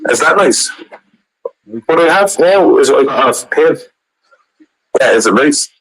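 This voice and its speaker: A man's voice: on the high side, expressive, unhurried, fairly bright tone, rough recording. An Irish-accented man in casual, bantering group chat full of informal slang.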